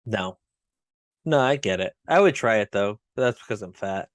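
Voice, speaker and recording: A man's voice: fairly low pitch, expressive, moderate pace, dry recording. A man co-hosting a casual podcast, blunt and self-mocking, swearing easily. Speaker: podcast co-host. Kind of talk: casual chat.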